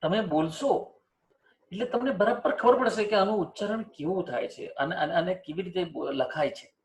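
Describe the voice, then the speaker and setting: A man with a high voice and moderate pace teaches a spelling lesson, questioning students and repeating example words to drill pronunciation. The setup is a teaching one, with a screen and cursor.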